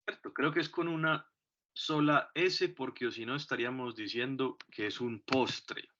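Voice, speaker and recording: A man's voice: mid-range voice, moderate pace, bright, forceful tone. A man with a Colombian Spanish accent teaching an English lesson, patiently explaining step by step and often checking in with his class. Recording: dull, lo-fi recording.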